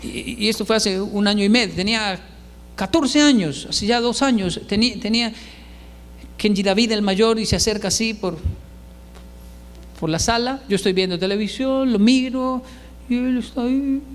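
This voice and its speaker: A man delivers a comic storytelling monologue and acts out every voice in it. His voice is high and carries a long hall reverb. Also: normal speed. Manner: animated, acts out dialogue.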